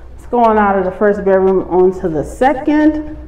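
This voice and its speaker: Holding her phone as she films, a vlogger touring a show home walks viewers through an empty or staged house and yard, sounding casual, admiring and out of breath. Her mid-range voice is animated and dark in tone at a normal speed, and the audio picks up room echo and light background noise.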